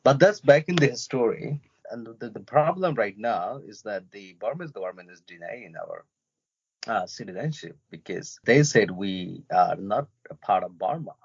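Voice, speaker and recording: Podcast guest from Myanmar: low husky male voice, halting delivery, muffled lo-fi sound. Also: expressive. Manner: halting, with many fillers and restarts. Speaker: interview guest, refugee and journalist. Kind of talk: casual interview talk.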